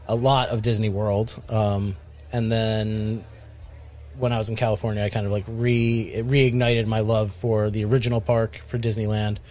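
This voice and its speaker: In a lowish, slightly mellow voice, a Rhode Island man co-hosts a podcast. His casual chat rambles along, packed with fillers and restarts.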